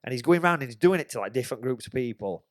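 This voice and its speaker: Speaking very fast at a medium pitch, a man hosting a podcast swears freely while spinning a lively yarn in casual conversation. The studio sound is clean, with no room tone.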